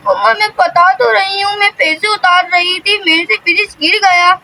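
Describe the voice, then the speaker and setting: A woman's voice: extremely high pitch, fairly even intonation, normal speed, creaky, bright, forceful tone, voice pushed up, heavily acted, rough recording. A woman voicing a small clumsy girl who is easily scared and whiny. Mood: tearful. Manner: whiny, pleading.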